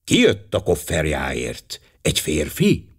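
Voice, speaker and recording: A man voicing a fastidious, courteous male detective in an audiobook, formal and measured. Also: a bass voice, wildly swooping pitch, husky, pitched below the performer's own voice, full character voice. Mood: courteous questioning.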